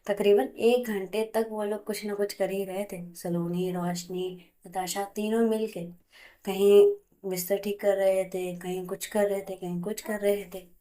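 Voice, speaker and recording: A woman's voice: mid-range voice, steady tone, measured pace, dark tone. A woman narrating a romantic story in a plain, chatty way, voicing all the figures herself.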